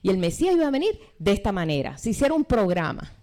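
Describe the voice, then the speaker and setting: Warm-voiced woman preaching with lively quotes. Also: quick pace. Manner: acts out quoted voices with sharp pitch swings. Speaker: seminar preacher. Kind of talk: sermon teaching.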